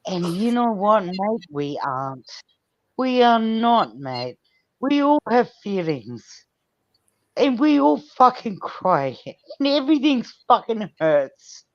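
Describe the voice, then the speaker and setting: A woman's voice: on the high side, big pitch swings, slow pace, no room sound. A woman with an Australian accent, ranting bluntly and swearing heavily as a caller in a live chat. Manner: heavy swearing, blunt and fired-up. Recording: dull lo-fi stream audio.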